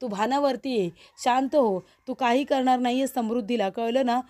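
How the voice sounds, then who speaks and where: A woman's voice: fairly high pitch, moderate pace, dark tone, natural voice. A woman voicing a determined young lawyer in a retold TV serial, earnest and soothing.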